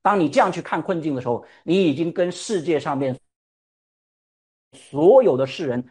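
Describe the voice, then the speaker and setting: A man's voice: fairly high pitch, animated, normal speed, a little mellow. A male pastor preaching a sermon. He fires rhetorical questions at the congregation and calls for amens. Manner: calls for "amen" responses.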